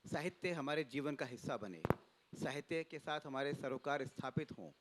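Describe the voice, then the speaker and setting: A man in his fifties, a publisher, giving a measured, formal talk on a festival panel. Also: fairly high pitch, low-quality recording. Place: stage at a literature festival.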